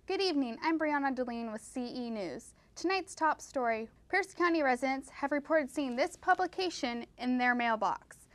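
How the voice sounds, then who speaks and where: A woman anchors a scripted comedic newscast promoting a college, introducing reports in classic anchor fashion. Her voice is high-pitched with lively intonation and a moderate pace, recorded with no room sound.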